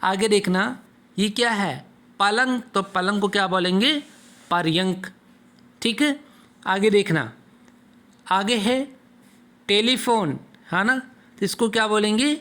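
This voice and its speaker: A man's voice: sits high, fairly bright tone. A man teaching a Sanskrit lesson to children, patiently asking questions and answering them himself. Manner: slow, patient, asks and answers own questions.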